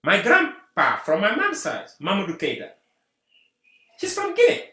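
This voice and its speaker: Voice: medium pitch, huge pitch swings, moderate pace, bright, forceful tone. A guest from Senegal, giving an earnest talk on community unity and repeating rallying phrases. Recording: roomy echo.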